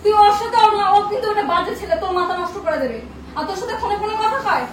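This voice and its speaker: A woman's voice: extremely high pitch, animated, very fast, a crowd in the background. A woman playing a suspicious, scolding wife in a comedy prank skit. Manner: scolding, suspicious, shouting at times. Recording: echoey noisy room from a distance.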